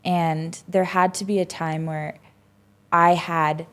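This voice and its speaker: A woman's voice: on the low side, level tone, takes it slowly, clean tone. A woman in her twenties, a podcast guest, talking casually and reflectively, with many fillers and restarts. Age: 20s. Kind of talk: casual conversational interview.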